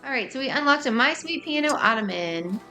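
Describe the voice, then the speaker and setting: A woman's voice: high voice, animated, a little fast, loud music behind the voice. A young woman casually commenting on her gameplay and reading game dialogue aloud. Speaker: gameplay video creator.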